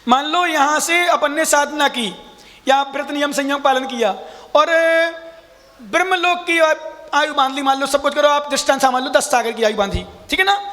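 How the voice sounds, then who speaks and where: High-voiced monk teaching scripture. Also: male voice, bright, forceful tone, in a large hall. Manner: explains step by step, quizzes listeners, chants sutras slowly. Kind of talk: scripture class lecture.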